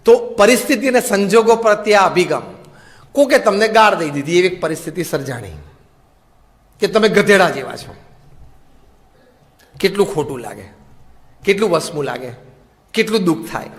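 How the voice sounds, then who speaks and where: A high-pitched male monk delivers a sermon, telling stories with gentle humor and slowing down to stress short English phrases. His voice rings with a long hall reverb. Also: expressive.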